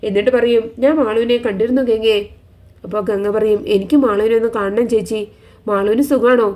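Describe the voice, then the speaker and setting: Female storyteller, slightly high voice, chatty, retells a serial plot and voices all the parts herself. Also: steady tone, fairly quick, darkish tone. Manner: chatty, keeps the listener engaged.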